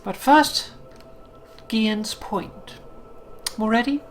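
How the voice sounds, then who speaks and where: A woman's voice: a little high, extremely slow, soft background music. A woman chatting casually as she plays a co-op video game. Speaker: gamer playing co-op. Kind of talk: casual gameplay chat. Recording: clearly noisy voice track. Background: noise and game gunfire.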